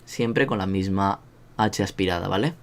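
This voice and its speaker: A man's voice: deep voice, normal speed. Joking Spanish man teaching sounds. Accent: Spain Spanish. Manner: joking, self-mocking, drills sounds aloud. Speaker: language teacher. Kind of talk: casual online lesson.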